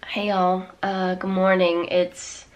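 A vlogger talks casually to a camera or phone held at arm's length in her small home room, congested and meandering with plenty of fillers and restarts. She speaks slowly in a lowish monotone, with slight background noise.

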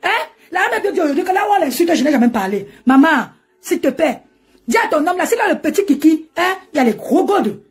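A woman's voice: sits high, sing-song, fast. A woman ranting and mocking on a live stream from home, laughing often as she talks into her phone. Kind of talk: animated Facebook live rant.

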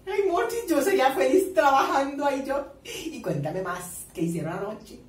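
Shrieking, excitable Colombian coast voice. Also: male voice, very high-pitched, moderate pace. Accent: Colombian Caribbean coast. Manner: excitable, swears a lot, shrieks and squeals. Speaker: reaction vlogger. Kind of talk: excited reaction commentary. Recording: echoey room, distant mic, faint noise.

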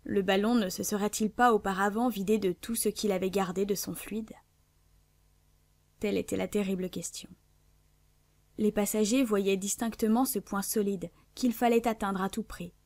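A woman's voice: mid-range voice, fairly even intonation, a little mellow, dry recording. Woman reading a classic novel aloud. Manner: measured, clear literary reading. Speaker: audiobook narrator. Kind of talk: scripted narration of a classic novel.

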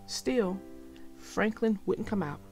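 A woman reading a children's storybook aloud, gentle and expressive. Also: medium pitch, slow pace, soft background music.

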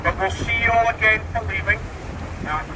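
Man, high voice, boat tour guide, calm and informative, distant mic, heavy wind and engine noise. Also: normal speed. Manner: calm informative, gives practical instructions. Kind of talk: tour commentary over a PA. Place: open boat at sea in wind.

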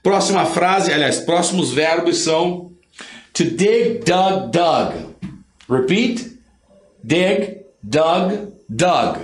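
A man's voice: a little high, expressive, drawn-out words, echoey room. A man with a Brazilian Portuguese accent teaching an online English lesson. He talks emphatically, drills phrases by repetition and pushes learners to work hard.

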